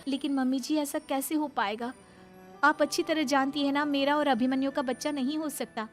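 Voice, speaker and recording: A woman's voice: high voice, fairly even intonation, normal speed, faint music behind, lightly acted. A woman voicing a wronged young wife in a cartoon story, speaking earnestly, in a pleading and protesting way. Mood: shocked, protesting. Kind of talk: Hindi cartoon story voice acting.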